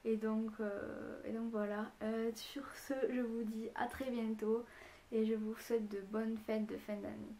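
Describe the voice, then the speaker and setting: A woman's voice: a little high, flat delivery, a little slow, mellow, slight background noise. A young woman chatting through a casual beauty vlog, gushing as she shows off products. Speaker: beauty vlogger.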